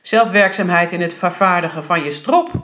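A woman's voice: on the low side, normal speed, a bit bright, a little hiss or hum, natural voice. A male schoolteacher with a mocking, sarcastic edge to everything he says, as a woman reading a novel aloud puts him on. The reading stays close to her own voice.

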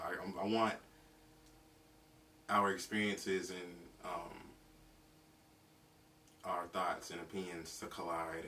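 A man in his twenties from South Carolina, hosting his own podcast in a relaxed, rambling way, with lots of fillers and casual slang. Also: low voice. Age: 20s. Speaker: podcast host. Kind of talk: casual solo podcast talk. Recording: distant mic with faint background noise.

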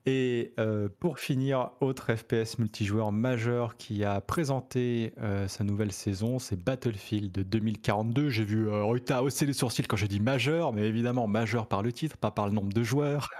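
Low-voiced man hosting gaming news. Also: normal speed, hardly any pauses, darkish tone. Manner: hesitant, many fillers; joking asides. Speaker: host of a gaming news show. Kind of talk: casual gaming news chat.

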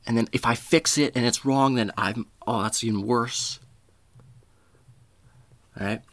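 A man's voice: mid-range voice, fairly even intonation, unhurried, a bit bright, no room sound. A man hosting a podcast, telling a rambling, profane, self-deprecating story in casual talk. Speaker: podcast host. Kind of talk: casual comedic monologue.

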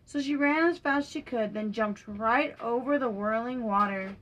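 A young woman reading a children's picture book aloud for her podcast, gentle and lightly animated, with small lifts in her voice for the characters. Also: a little high, moderate pace, lo-fi sound. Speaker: podcast storyteller.

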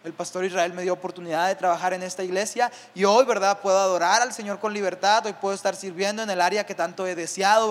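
A high-pitched man delivers a sermon from the pulpit, swelling to emphatic peaks and checking in with the congregation through repeated rhetorical asides. His voice carries a long reverb through the church hall. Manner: preaching with rising emphasis and frequent rhetorical "¿verdad?". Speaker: pastor.

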